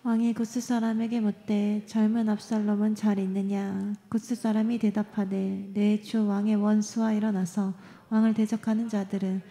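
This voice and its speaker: Woman scripture reader, flat steady delivery, reverberant church hall from a distance. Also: mid-range voice, moderate pace, few pauses. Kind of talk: scripture reading. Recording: echoey hall, heard from afar.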